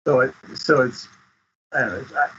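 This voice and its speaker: A man giving advice as a script consultant guest in a casual interview, speaking haltingly and often repeating words. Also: medium pitch, over a noisy crowd. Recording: dull lo-fi audio.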